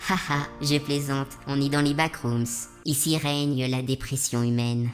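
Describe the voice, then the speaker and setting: Woman as robot vlogger, low robotic voice, deadpan, calm, scripted narration, soft background music. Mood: deadpan, matter-of-fact. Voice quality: synthetic robot voice. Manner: deadpan, measured. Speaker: channel host. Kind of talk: scripted narration in a fictional vlog.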